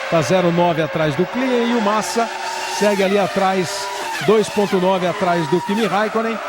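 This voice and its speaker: A Brazilian man commentates live motorsport in a high-pitched voice. He calls positions and lap times as the lead announcer. Very loud race-car noise runs behind him. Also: normal speed. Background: race cars and engines roaring.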